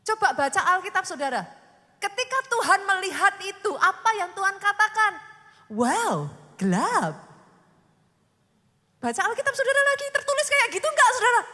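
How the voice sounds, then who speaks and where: A woman pastor, preaching a dramatic sermon that swings from loud to whispered. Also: extremely high pitch. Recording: long hall reverb.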